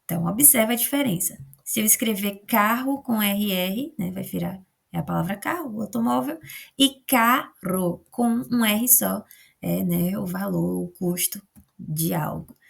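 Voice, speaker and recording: A woman's voice: medium pitch, measured pace, gravelly, breathy edge. A woman teacher with a Brazilian Portuguese accent giving a remote spelling lesson to adult students, carefully drawing out her example words.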